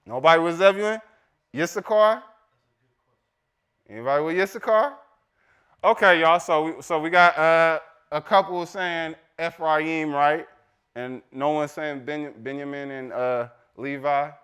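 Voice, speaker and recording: A man's voice: a little high, fairly bright tone, smooth. A man teaching a casual Bible study, quizzing the group and reading scripture aloud. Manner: chatty, quizzes the group, Southern-style "y'all"; reads scripture aloud slowly.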